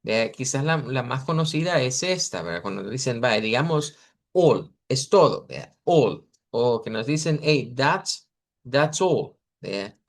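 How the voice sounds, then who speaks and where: A man teaching an English pronunciation class over a video call, patiently repeating model words slowly for his students. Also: mid-range voice, animated. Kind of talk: online class correcting students.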